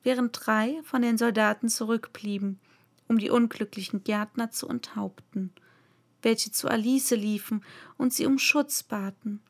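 A woman narrating a classic children's storybook aloud in a slow, even reading voice. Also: a little high.

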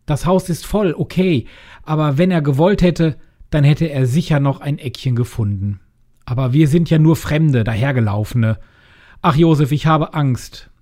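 A man's voice: on the high side, moderate pace, darkish tone, voice pushed up, close to an everyday voice. A man doing a tired, anxious young pregnant woman. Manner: pleading, anxious, raised voice. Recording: music behind the voice.

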